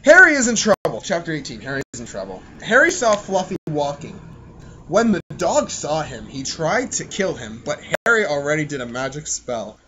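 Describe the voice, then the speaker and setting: A man hosting a podcast reads his own childhood fan fiction aloud, giggling, mocking himself, cursing freely and bantering casually. His voice is a little high and bright, with a forceful tone, big pitch swings and normal speed, on a muffled, noisy home recording.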